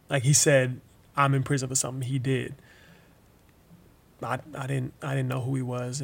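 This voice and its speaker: In an interview-style drama monologue, an actor portrays a young man wrongfully imprisoned, weary yet forgiving. His mid-range voice carries vocal fry, and his delivery is halting and informal, with repeated words.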